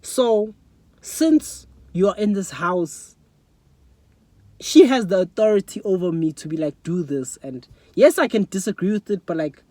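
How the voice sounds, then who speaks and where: This young South African man's high voice is expressive, mellow, and a little slow as he reflects earnestly and emotionally in a personal vlog shot on his phone's front camera. He keeps asking "you know what I'm saying", and there's no room sound.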